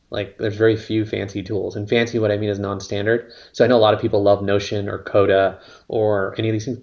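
A man's voice: on the low side, darkish tone, highs cut off. A man, a company co-founder, talking casually in an interview, rambling with lots of fillers and some casual swearing.

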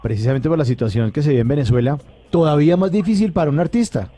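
Playful co-host, mellow tone. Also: male voice, on the high side, quick pace. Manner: playful, teasing. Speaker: radio host. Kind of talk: casual radio chat.

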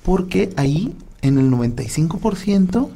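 A man's voice: high-pitched, very animated, normal speed, vocal fry, dark tone. A man, a urologist guest, explaining medical matters patiently. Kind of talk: explanatory conversation.

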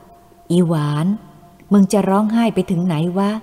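A woman's voice: medium pitch, a little slow, lightly acted. A woman voicing a cruel male traitor who threatens and bullies in a coarse, heavy way. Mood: coaxing, coarse. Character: cruel male traitor, Thai collaborator, menacing. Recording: reverberant room with soft music.

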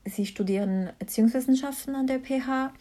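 As a guest in a casual conversational interview, a young woman from Mannheim, Germany, who studies science, gives a personal account of her experiences. Her voice sits high and sounds mellow, and she speaks fairly quickly.

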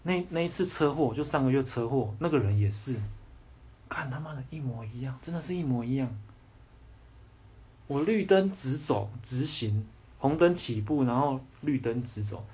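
Husky young man ranting bluntly. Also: medium pitch, expressive, moderate pace, darkish tone. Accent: Taiwanese Mandarin. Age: young adult. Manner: blunt, heated ranting with frequent swearing. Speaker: podcast host. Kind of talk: casual livestream chat.

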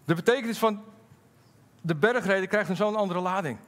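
Fairly high-voiced middle-aged male preacher. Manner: lively, swings from loud emphasis to low confiding asides; candid, halting storytelling with fillers. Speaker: pastor. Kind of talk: sermon.

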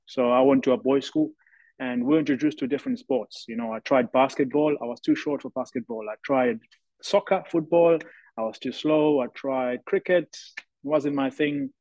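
A South African professional rugby player, appearing as a podcast guest, tells his story in an earnest, reflective way. His mid-range voice is a little mellow and moves at a moderate pace. The audio is dry, lo-fi, and slightly dull.

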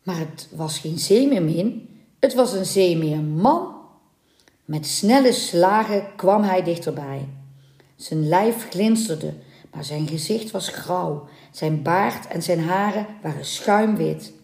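Slow, measured woman storyteller. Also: fairly low pitch. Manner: calm, measured, dramatic reading. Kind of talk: storybook narration of a folk legend. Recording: roomy echoing room.

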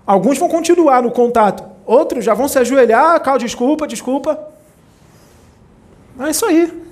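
A man giving an informal spiritual talk. He retells film scenes in an animated way and keeps checking in with his listeners. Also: very high-pitched. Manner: animated storyteller, acts out quoted characters; conversational, checks in with listeners often. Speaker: spiritual speaker.

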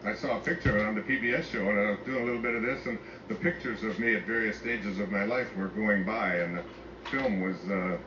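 A man in his seventies giving an inspirational talk, telling family stories and mimicking his daughters in a higher voice. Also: fairly even intonation, fast. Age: 70s. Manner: storytelling, rising high when mimicking his daughters. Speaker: speaker. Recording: echoey, distant, muffled with noise.

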